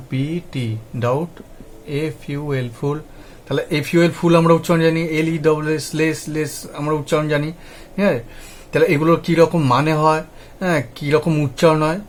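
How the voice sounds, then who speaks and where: A man's voice: fairly high pitch, slight background noise. A man teaching English pronunciation. He spells words out letter by letter, repeats them and checks often that the viewer follows. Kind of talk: spoken lesson.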